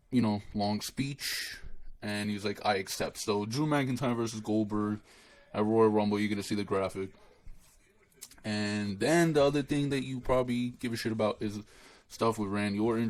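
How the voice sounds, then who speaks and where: A young man talks through a wrestling recap in a loose, rambling way. He swears freely, restarts his sentences and sounds dismissive of what he saw. His voice sits fairly low. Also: poor audio. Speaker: wrestling show reviewer. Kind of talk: casual solo recap.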